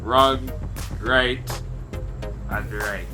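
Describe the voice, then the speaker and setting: A man's voice: mid-range voice, fairly even intonation, extremely slow. A young man chatting casually in a challenge video with a friend, slangy and giggly, swearing and exclaiming. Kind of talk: casual chat, challenge quiz between friends. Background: music.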